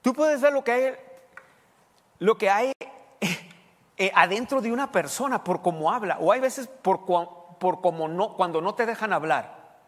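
A man preaching as pastor, animated and emphatic, dropping from loud points to quiet asides and slipping English words into his speech. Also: high-pitched, a little slow, long reverb tail. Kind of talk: sermon.

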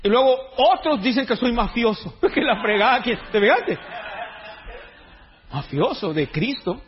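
A man's voice: very high voice, expressive, unhurried, muffled recording. A man preaching a sermon in a joking, conversational way, full of slang. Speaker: pastor.

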